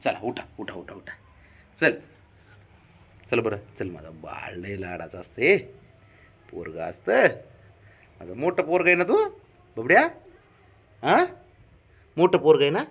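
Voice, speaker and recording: A man in a home pet vlog pleads with his cat in doting baby talk. His mid-pitched voice swoops up and down in a lively, sing-song way, and he repeats the same gentle pleas again and again. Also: a little slow, gravelly, pauses often, breathy edge. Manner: repeats soft pleading commands. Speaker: cat owner vlogger.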